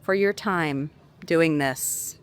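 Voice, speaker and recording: A woman's voice: low-pitched, very slow, heavy background noise. A woman interviewer chatting casually in a light, joking way. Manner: joking, laughs easily. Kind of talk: casual chat.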